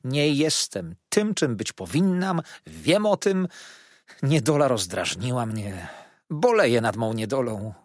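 A man's voice: mid-range voice, sing-song, slow pace, a little mellow, no echo, studio quality. A man voicing a whiny, self-pitying older widow who complains through tears in a plaintive, sobbing manner.

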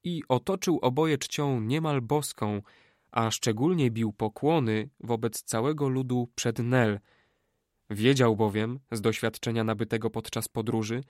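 Male audiobook narrator, steady measured storytelling, mid pitch, dry close recording. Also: no room sound. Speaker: audiobook reader. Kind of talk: scripted narration.

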